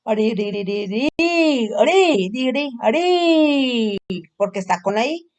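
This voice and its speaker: A woman giving a phonics lesson to a young child at home, sounding out letters slowly and patiently coaxing the child to repeat. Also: fairly high pitch, lively intonation, a little mellow. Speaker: teacher.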